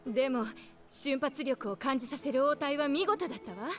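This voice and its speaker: A woman plays a confident veteran woman trainer in a game. She speaks quickly and with assurance, in a high voice. Faint game music plays behind her. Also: lightly acted. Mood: admiring.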